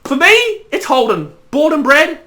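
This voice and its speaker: A woman's voice: high voice, big pitch swings, normal speed, a bit bright. A young Australian woman, a YouTuber, casually answering her followers' questions, rambling and repeating herself often. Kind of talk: casual Q&A chat.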